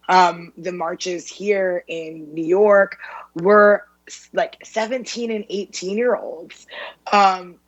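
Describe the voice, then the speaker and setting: A woman with a strained, sore-throated voice, answering earnestly and haltingly in a conversational panel discussion. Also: on the low side. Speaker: guest, national organizing director and activist. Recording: dull lo-fi call audio.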